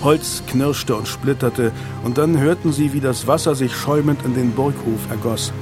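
A man's voice: medium pitch, moderate pace. Man narrating an audiobook over music. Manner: steady storytelling. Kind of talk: scripted narration. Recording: music bed underneath.

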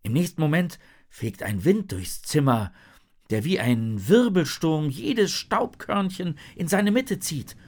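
A storyteller reading a children's story aloud in an expressive, dramatic way. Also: mid-range voice, takes it slowly.

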